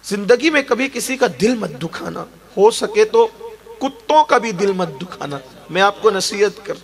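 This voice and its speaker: A male preacher delivers an emotional sermon in a notably high voice. He tells a story, building emphasis and urging the listeners on. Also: lively intonation, creaky.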